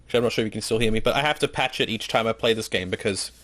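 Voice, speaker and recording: Fast-talking sweary man. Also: on the low side, a bit bright. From Australia. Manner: rapid, sweary, teasing. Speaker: podcast co-host. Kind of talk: casual gaming chat.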